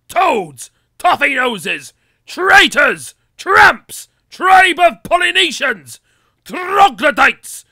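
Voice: high-pitched, vocal fry, pushed and bright, dry recording, studio quality, exaggerated voice. A performer voicing an irascible bearded old sea captain, bellowing a theatrical tirade of insults. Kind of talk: impression reeling off a list of shouted insults. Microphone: condenser mic with pop filter.

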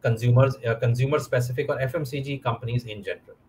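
A man's voice: medium pitch, steady tone, a little mellow, slight background noise, low-quality recording. Indian man explaining on a video call. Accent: Indian English. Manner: measured, explanatory, many fillers. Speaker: fund manager guest. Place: indoor room.

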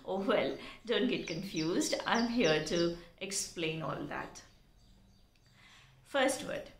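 Woman, teacher; slow, deliberate, earnest delivery in an echoey room. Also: lowish voice, expressive, a little hiss or hum. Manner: earnest, explanatory, spells words letter by letter. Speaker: English teacher. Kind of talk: pronunciation lesson.

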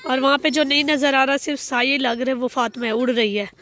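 A woman from Pakistan chatting excitedly and laughing as she narrates a family vlog, filmed outdoors in a park on a handheld phone. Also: high voice, a little fast. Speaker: family vlogger.

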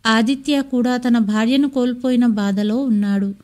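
A woman narrating a scripted story in a steady, measured way. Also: fairly high pitch.

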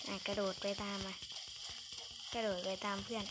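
A woman's voice: medium pitch, flat delivery, moderate pace, very noisy. A female game channel host talking through her play in casual, chatty commentary and exclaiming at what happens on screen.

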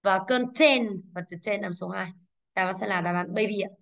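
A young woman teaching English to a class, going briskly through exam answers and asking the students over and over whether they follow. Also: mid-range voice, level tone, creaky, a bit bright. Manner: brisk, scolding, checks understanding with rhetorical questions.

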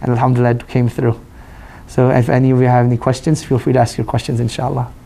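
Imam, hoarse voice, even and dark, chatty religious lecture with q&a. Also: male voice, medium pitch, quick pace. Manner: relaxed, conversational, frequent "you know". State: hoarse, voice recovering. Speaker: imam teaching a study circle.

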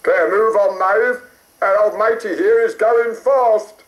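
A man's voice: high voice, a little slow. A man voicing a blunt, cheeky male caterpillar, on an old cassette. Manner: blunt, cheeky, calls her "girl". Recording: roomy old cassette recording.

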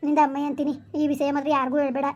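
A woman's voice: high-pitched, little pitch movement, very fast, a little mellow, natural voice. A woman playing a middle-aged village housemaid with a drawl, in a family drama skit. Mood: confiding.

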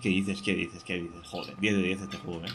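A young man, hosting casual co-op gameplay chat, excitable and jokey, talking through every move. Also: low-pitched, moderate pace, a little hiss or hum. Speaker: gaming podcast host.

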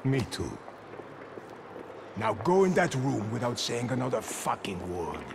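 Menacing Soviet colonel, curt commands, animated pitch, video game, noisy background. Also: male voice, unhurried, creaky. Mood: angry, commanding. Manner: menacing, barking orders. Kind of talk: video game drama acting. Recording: noisy game ambience behind.

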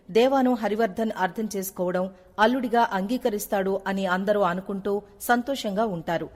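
A woman narrates a serial recap from a script. Her storytelling is steady and even, at a middle pitch. A long reverb tail follows her voice.

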